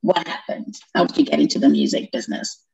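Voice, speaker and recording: A bubbly woman from Zimbabwe hosts a casual radio interview, quick to laugh and tease her guest. Her voice is a little husky, and the recording sounds dull and lo-fi. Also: low voice, steady tone, a little mellow. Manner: bubbly, laughing, playful asides. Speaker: radio show host.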